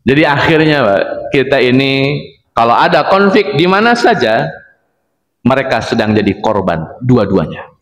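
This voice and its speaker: A man's voice: mid-range voice, moderate pace, echoey room, in a large hall. A man preaching a study session in a mosque, telling stories with acted-out dialogue and often addressing the audience directly. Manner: lively storyteller addressing men as "Pak", acting out dialogue. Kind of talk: mosque study lecture, storytelling. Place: mosque hall.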